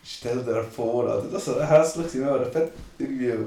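A man's voice: mid-range voice, a little fast, warm tone. A young man with a Swiss German accent, co-hosting a podcast and telling a story in slangy casual chat full of tag questions. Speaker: podcast co-host. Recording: echoey room, distant from mic.

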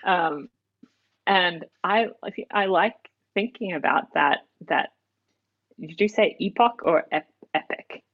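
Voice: mid-range voice, slow. Teasing Australian host, lo-fi sound. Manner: reminiscing, playful teasing, frequent restarts. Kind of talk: casual chat. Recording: dull lo-fi recording.

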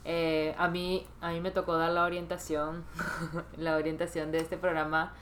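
A young woman from Peru talks as a guest in a casual chat. Her voice sits a little low. She hesitates often, leaning on fillers as she gathers her thoughts. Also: flat delivery, moderate pace, slight background noise. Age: young adult. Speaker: guest, student.

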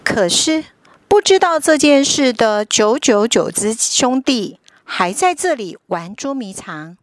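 High, unhurried female storyteller, expressive child-directed read-aloud for toddlers. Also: no room sound. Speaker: picture-book reader, podcast host. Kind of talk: animated storybook reading to young children.

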